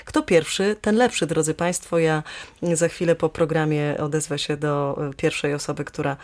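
A woman hosting a radio interview, speaking in a measured way with frequent hesitations. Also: low-pitched, fairly even intonation, a little mellow. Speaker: radio host.

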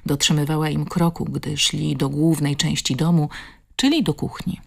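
A woman narrating an audiobook in a measured, expressive reading. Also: low voice, creaky. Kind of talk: scripted narration.

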